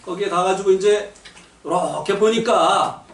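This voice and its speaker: A man giving a lively testimony at a gospel meeting, telling stories with shouted punchlines and laughter. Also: sits high, a little slow. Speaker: lay preacher giving a testimony. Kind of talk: sermon testimony. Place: church meeting hall. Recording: echoey hall, mic from a distance.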